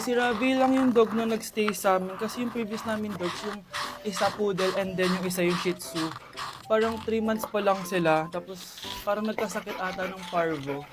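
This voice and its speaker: A woman's voice: medium pitch, steady tone, moderate pace, over music. A woman chatting casually in a vlog, cooing and baby-talking to her dog. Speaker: pet vlogger.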